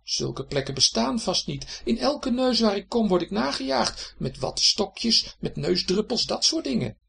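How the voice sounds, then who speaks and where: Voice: mid-range voice, sing-song, measured pace, gravelly, a bit bright, a little hiss or hum, voice pushed up, exaggerated voice. The narrator voicing a small, fretful male snore creature in a children's storybook, speaking in a fussy, flustered way. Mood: self-pitying. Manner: fussy, flustered, self-pitying.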